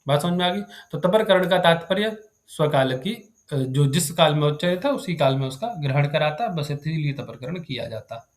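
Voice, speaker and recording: A man with a slightly high voice teaches Sanskrit grammar in a classroom. He fires questions at his students and keeps asking whether the point is clear. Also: animated, moderate pace. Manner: keeps checking if students understood. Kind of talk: live classroom lecture.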